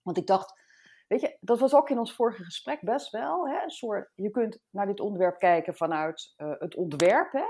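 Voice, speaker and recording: A woman with a mellow, slightly husky voice thinks out loud in a relaxed discussion. She speaks from her own office and often pauses to hunt for the right word. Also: medium pitch. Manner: reflective, searching for words. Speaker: discussion guest. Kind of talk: casual discussion.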